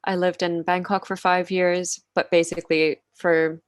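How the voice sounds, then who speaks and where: A Finnish woman in her twenties chats casually as a podcast guest over a video call. She is soft-spoken, fairly low-pitched, flat and unhurried, sprinkling in lots of "like" and giggling often. There is no room sound in the recording.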